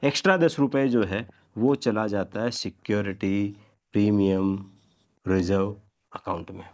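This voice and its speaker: A man giving a revision lecture as a commerce teacher. He quizzes his students with questions and answers them himself, and he dictates journal entries slowly, word by word. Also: lowish voice, a little mellow.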